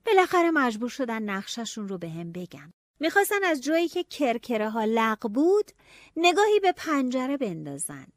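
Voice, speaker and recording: Expressive woman narrating a story. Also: on the high side, dry recording, clean studio sound. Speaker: audiobook narrator. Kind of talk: first-person storybook narration.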